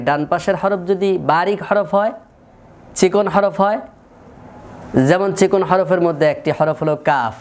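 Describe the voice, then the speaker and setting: A man teaching Quran letter pronunciation, patiently repeating each sound to demonstrate. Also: sits high. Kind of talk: slow, deliberate lesson with repeated sample sounds.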